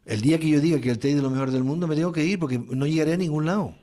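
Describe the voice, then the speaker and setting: Canarian male radio panelist, emphatic and repetitive, argues forcefully. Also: on the high side, racing. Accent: Canarian Spanish. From Canary Islands. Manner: emphatic, repeats points, interrupts. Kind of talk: heated radio round-table debate.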